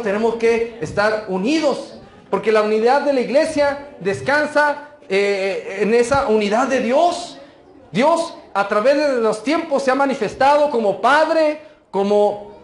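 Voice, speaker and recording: A man's voice: very high-pitched, reverberant. A male pastor preaching a conversational sermon, often tossing in rhetorical asides to the congregation.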